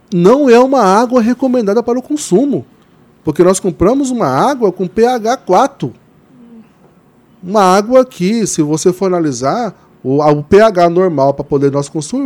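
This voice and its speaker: A man answers interview questions in a warm, soft-toned voice pitched a bit high. He is earnest and often hesitates on fillers, but builds real conviction as he goes on. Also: lively intonation, moderate pace. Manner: earnest, hesitant with frequent fillers, grows impassioned. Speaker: interview guest, Green Party member organizing a river cleanup.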